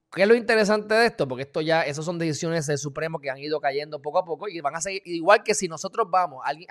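A man with a Puerto Rican accent giving emphatic, heated commentary in a casual live video, talking straight to his viewers with sudden loud bursts. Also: fairly high pitch. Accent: Puerto Rican Spanish. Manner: informal, addresses viewers as "mi gente". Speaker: live-stream political commentator.

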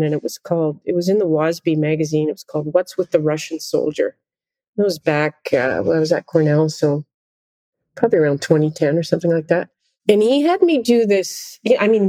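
A middle-aged woman speaks in a somewhat low voice, telling animated, self-deprecating stories in a relaxed interview. The sound is close and dry, with no room echo. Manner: animated, self-deprecating anecdotes with frequent laughter. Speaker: conductor and podcast guest. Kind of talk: casual interview storytelling.

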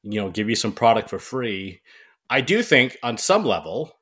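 A man's voice: medium pitch, big pitch swings, moderate pace, a bit bright, breathy edge. A man chatting casually as a podcast guest, with a wry, self-deprecating sense of humour. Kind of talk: casual chat. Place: barn.

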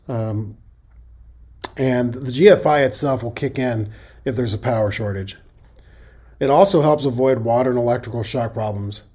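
A middle-aged man with a Midwestern accent hosts a safety podcast, speaking in a folksy, conversational monologue and correcting himself now and then. His voice is medium-pitched and a little mellow.

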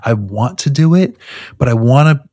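A man's voice: medium pitch, lively intonation, moderate pace, a little mellow, dry recording, clean studio sound. A man co-hosting a podcast in casual chat, rambling and restarting his sentences, laughing often. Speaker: podcast co-host.

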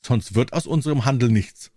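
A man's voice: mid-range voice, moderate pace, dark tone, no echo, studio quality, pitched above the performer's own voice, close to an everyday voice. Man reading as a cheeky defiant soldier. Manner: defiant, mocking. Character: bold cheeky young male soldier.

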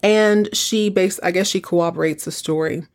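A woman's voice: fairly low pitch, steady tone, moderate pace. Chatty woman hosting a casual recap podcast. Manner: informal, conversational storytelling with rhetorical questions and asides. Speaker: podcast host.

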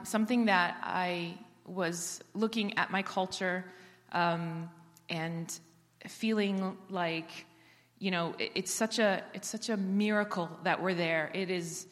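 A woman in her forties from Israel, speaking at a church in a conversational way, slightly hoarse from a cough. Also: fairly low pitch, a bit bright. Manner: conversational, with fillers. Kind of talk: sermon. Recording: church hall with long reverb.

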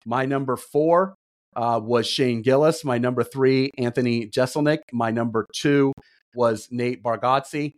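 A man's voice: mid-range voice, a little slow, no room sound. Easygoing male podcast co-host, dry sound. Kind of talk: casual chat.

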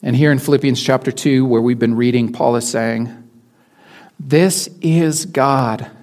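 A man's voice: medium pitch, level tone, a little fast, a little mellow. A man preaching a sermon as a pastor, in a conversational way with frequent restarts and repeated words.

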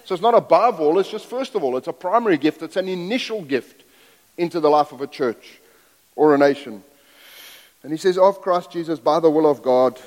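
A man's voice: on the high side, lively intonation, a little fast, darkish tone. Folksy preacher man in a reverberant church. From Zambia, raised in South Africa. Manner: folksy, self-deprecating, rambling asides. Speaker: guest preacher. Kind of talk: sermon. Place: church sanctuary. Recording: long hall reverb.

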